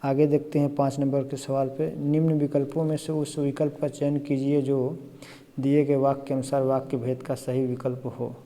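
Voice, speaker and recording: This man's medium-pitched, mellow voice moves at a moderate pace with little rise and fall, and the recording has a big-room sound. He's preparing students for an exam in Hindi grammar, explaining every answer step by step and frequently asking "है ना?"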